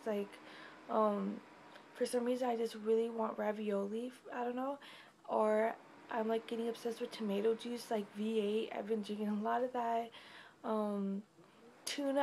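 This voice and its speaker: A woman's voice: fairly high pitch, creaky, a little mellow, slight background noise. A tired young woman giving a casual, rambling pregnancy update vlog at home, with many fillers. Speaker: vlogger.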